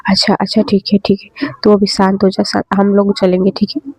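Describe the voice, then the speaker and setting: A woman's voice: medium pitch, steady tone, moderate pace, mellow, dry recording, lightly acted. A woman voicing a caring young female college friend, coaxing and insistent, in a storybook reading. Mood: soothing. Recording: dry, slightly dull lo-fi.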